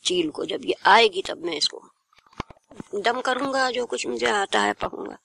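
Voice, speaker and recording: An older woman voicing a calm elderly male scholar giving steady, assured instructions. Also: on the high side, vocal fry, a little hiss or hum, voice pushed up, exaggerated voice. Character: calm old holy man, male scholar.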